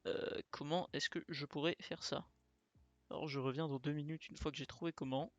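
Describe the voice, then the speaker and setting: A young man's slightly high voice, recorded dry and close. He walks through a screen-recorded tutorial in a chatty, easygoing way, full of fillers and little asides. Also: steady tone, normal speed, a bit bright, dry recording, highs cut off. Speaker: flight sim streamer.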